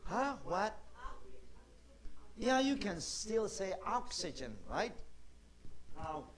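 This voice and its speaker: Middle-aged male pastor, high voice, unhurried, coaxing questions to a children's Bible class, heavy non-native English. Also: big pitch swings. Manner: asks questions and repeats them, coaxing answers.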